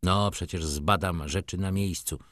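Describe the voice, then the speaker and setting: A man's voice: low-pitched, steady tone, unhurried, a bit bright, dry recording, studio quality. A man reading an audiobook, voicing a bitter, brooding middle-aged merchant who speaks in a restrained, cool way. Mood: cold bitter.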